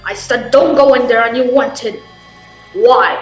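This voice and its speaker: A woman's voice: a little high, measured pace. Woman playing a frantic panto heckler calling out warnings. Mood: exasperated. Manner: panto-style call-outs, pleading and shouting warnings to the characters. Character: frantic, exasperated horror-movie-style audience member yelling warnings at the story. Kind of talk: comic stage theatre acting. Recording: roomy stage sound, faint music.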